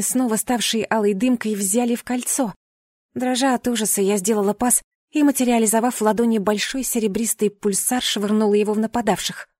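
A woman reading a first-person fantasy audiobook with expressive, dramatic storytelling. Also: a little high, no room sound, studio quality. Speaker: audiobook reader.

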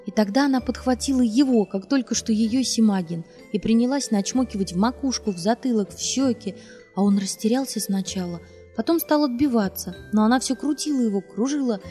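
A woman narrating a novel as an audiobook, in a lively, expressive reading. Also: fairly high pitch. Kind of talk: scripted literary narration.

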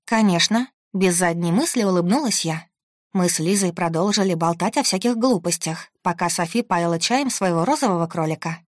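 Woman reading a story, steady and low, really dry close sound. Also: fairly quick, dry recording. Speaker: audiobook narrator. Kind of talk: scripted first-person narration.

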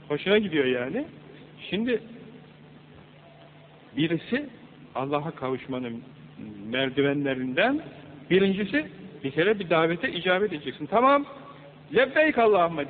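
A man's voice: a little high, big pitch swings, normal speed, pauses often, big-room sound. A man preaching a sermon from a pulpit, asking rhetorical questions and reciting Arabic verses in an emphatic way. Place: mosque pulpit. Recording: old lo-fi tape, phone-like band, faint hum.

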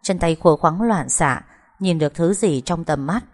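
A woman narrating an audiobook story in a steady, emotive way. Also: low voice, unhurried.

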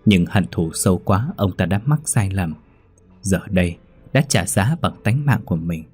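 A man's voice: low-pitched, animated, normal speed, darkish tone, breathy edge, soft background music. A man voicing a sorrowful wife's ghost. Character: sorrowful female ghost, wife of a sorcerer.

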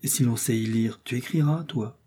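A man voicing a tender, playful seventeen-year-old wife who speaks softly. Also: medium pitch, moderate pace, husky, natural voice. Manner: soft, coaxing and playful.

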